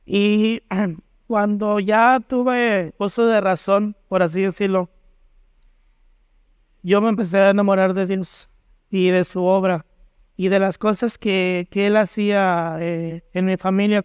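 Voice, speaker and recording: A man's voice: high voice, clean tone, dry recording, clean studio sound. A man with a Mexican accent giving a personal testimony at a church panel, acting out remembered dialogue as he tells it. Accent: Mexican Spanish.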